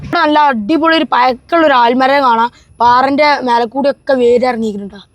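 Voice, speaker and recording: High-pitched Kerala woman vlogger mixing in English. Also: fast talker. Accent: Kerala Malayali. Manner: Malayalam mixed with English words; repeats enthusiastic filler phrases, addressing viewers. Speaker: travel vlogger. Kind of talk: casual vlog chat to viewers.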